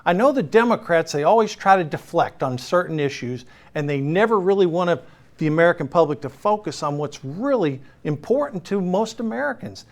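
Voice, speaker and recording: A man's voice: high-pitched, expressive, brisk. A man hosting a political talk show, asking questions with frequent fillers and restarts. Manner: hesitant, many fillers and restarts. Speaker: show host.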